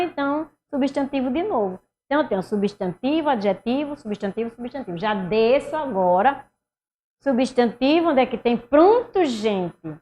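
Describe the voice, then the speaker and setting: A woman from teaching a Portuguese exam review, asking herself questions and answering them, her voice swinging between loud and soft. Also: sits high, dull audio.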